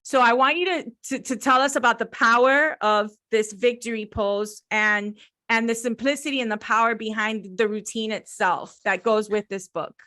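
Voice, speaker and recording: A woman's voice: a little high, fairly even intonation, moderate pace, bright, forceful tone. A woman from Cuba hosting an interview, enthusiastic and affirming as she sets up her questions. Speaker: interview host.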